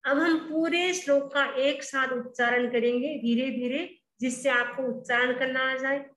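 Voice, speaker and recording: A woman teaching the recitation of a Sanskrit hymn, chanting each verse slowly and repeating words so they can be memorised. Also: sits high, fairly even intonation, fairly bright tone. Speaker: Jain teacher. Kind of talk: slow recitation lesson. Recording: echoey room.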